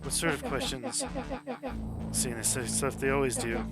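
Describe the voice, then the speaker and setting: Man reading urgent, jittery boy, lively up-and-down delivery. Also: medium pitch, moderate pace, over loud music, close to an everyday voice. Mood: worked up. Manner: urgent, excitable. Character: jittery conspiracy-minded young boy.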